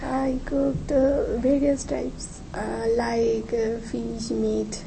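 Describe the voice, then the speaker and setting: High-voiced, gravelly young woman. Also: little pitch movement, very slow, mellow, a little hiss or hum, low-quality recording. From Bangladesh. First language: Bengali. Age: 20s. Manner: short hesitant answers in simple English. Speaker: English language student. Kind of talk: classroom interview practice.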